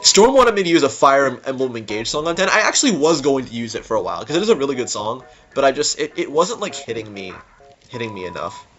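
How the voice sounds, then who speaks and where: This fast-talking man has a mid-range, slightly bright voice with big pitch swings, and he rambles informally about his self-built game level. The unscripted gameplay commentary carries a little hiss or hum, with game music underneath.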